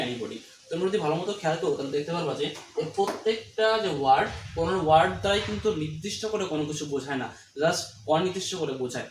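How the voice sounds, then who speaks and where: Guy teaching english grammar, rapid, roomy echo and background noise. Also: fairly high pitch. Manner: explains quickly, slows right down to read English examples. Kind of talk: classroom-style grammar lesson. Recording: roomy, distant mic, noisy.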